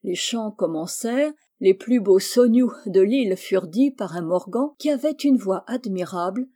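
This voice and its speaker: A woman storyteller reads a fairy tale aloud at a measured, expressive pace. Her voice is mellow and dark, sitting at a middle pitch.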